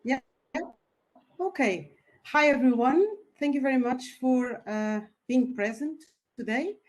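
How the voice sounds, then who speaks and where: A woman's voice: high voice, unhurried, a little mellow. A woman from Portugal giving a webinar presentation over a video call, polite and a little hesitant, with some fillers. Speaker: webinar speaker, company founder.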